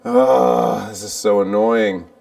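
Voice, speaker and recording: A man's voice: fairly low pitch, wildly swooping pitch, slow, gravelly, darkish tone, recorded from a distance. A man doing a casual livestream from his cluttered garage, chatting and muttering to himself while he fiddles with the settings. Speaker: livestreaming vlogger.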